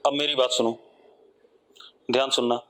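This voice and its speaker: A man's voice: medium pitch, level tone, bright, forceful tone, clear, resonant tone. Indian man teaching physics online. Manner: coaxing, repeats questions to students; dictates slowly in English. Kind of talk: live online lecture.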